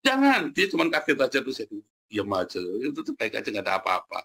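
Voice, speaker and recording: A man preaching a sermon in a booming, teasing, colloquial way. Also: expressive, quick pace, vocal fry, fairly bright tone, breathy edge. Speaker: pastor.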